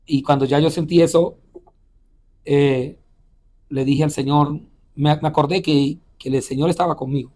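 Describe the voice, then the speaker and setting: A higher-voiced man, a pastor and missionary, tells his personal testimony in an interview. His tone is steady and mellow, but his delivery is halting, with repeated words and frequent "eh"s.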